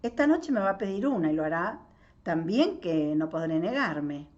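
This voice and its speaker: A woman's voice: on the low side, big pitch swings, moderate pace, darkish tone. A woman with an Argentine accent reading the part of an anxious, tender mother, speaking with emotion. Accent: Argentine Spanish. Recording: dull lo-fi audio.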